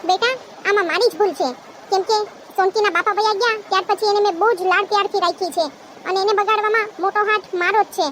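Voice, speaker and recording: A woman's voice: very high-pitched, fairly even intonation, fast, fairly bright tone. A woman doing a tender old cartoon mother-in-law. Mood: regretful. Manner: tender, apologetic. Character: kind regretful elderly mother-in-law. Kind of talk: cartoon voice acting. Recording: noisy background hiss.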